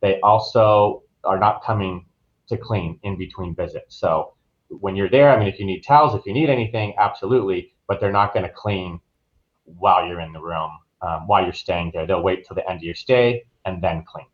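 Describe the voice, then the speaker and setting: Speaking at a normal pace, this man has a voice that sits low, and the sound quality is lo-fi. As a visiting travel professional, he reviews a resort by answering interview questions informally and chattily.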